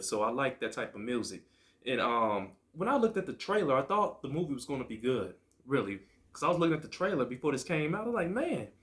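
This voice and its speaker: A man hosting his own show, giving a casual, chatty film review in a relaxed way. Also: medium pitch. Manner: relaxed, chatty, upbeat greeting. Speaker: movie reviewer, host.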